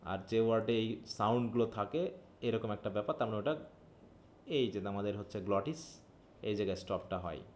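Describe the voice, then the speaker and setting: A man's voice: on the low side, a little mellow, slight background noise. A male teacher whose first language is Bengali, leading a live phonetics lesson, explaining step by step and checking in with his students. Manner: reads English text aloud slowly. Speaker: English teacher. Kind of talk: live online class lecture.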